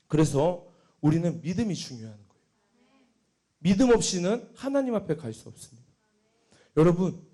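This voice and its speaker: A young male junior pastor delivers a sermon in a high voice. His pitch rises and falls widely as he moves between fervent exclamations and quieter asides. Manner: emphatic, swings from loud exclamations to hushed quotes.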